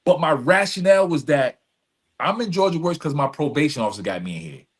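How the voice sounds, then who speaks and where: An expressive, fast-talking man with a slightly high voice tells personal stories as a podcast guest. He speaks frankly and with emphasis, using street slang and repeated phrases throughout the long conversation.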